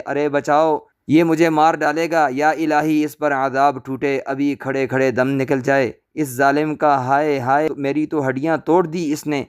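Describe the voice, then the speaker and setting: A man voicing a scheming old woman in a storybook tale, flattering one moment and hurling curses the next. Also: mid-range voice, clean tone, lightly acted. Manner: flattering, then shrieking curses. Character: scheming old crone, wheedling and loud.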